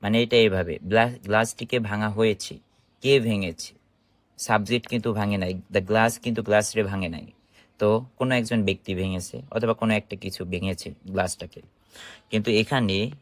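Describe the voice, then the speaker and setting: A Bangladeshi man with a low, fairly bright voice teaches English grammar in a casual online lesson, recorded dry. He explains and instructs by asking his own questions and then answering them.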